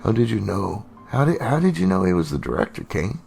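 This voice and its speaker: A man voicing a friendly male government agent with a smooth Texan drawl. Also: lowish voice, sing-song, brisk, darkish tone, soft background music, exaggerated voice. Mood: easygoing.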